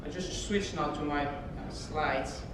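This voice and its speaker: A French woman gives a conference keynote in a conversational, hesitant way, pausing often, reaching for words and using many fillers. She sounds distant, washed in strong reverb from the large conference hall, with a faint low rumble beneath.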